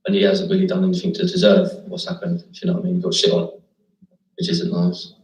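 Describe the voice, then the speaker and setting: A young man talking in a documentary interview, soft-spoken and hesitant, with a resigned tone. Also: high-pitched, sing-song, fast, creaky, reverberant, far from the mic, low-quality recording.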